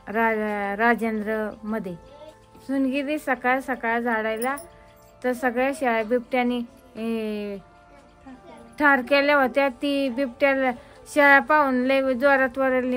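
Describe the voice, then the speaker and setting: A woman's voice: a little high, fairly bright tone. Woman recounting the attack.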